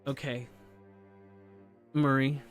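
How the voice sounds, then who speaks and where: A woman streamer reading game dialogue aloud, voicing every character in an animated way. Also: very deep voice, drawn-out words, faint music behind.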